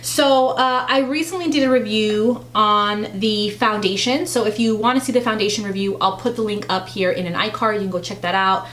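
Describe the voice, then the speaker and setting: A woman's voice: medium pitch, normal speed, hardly any pauses, a bit bright, a little hiss or hum. A woman beauty vlogger chatting casually through a product review, rambling a little and correcting herself as she goes.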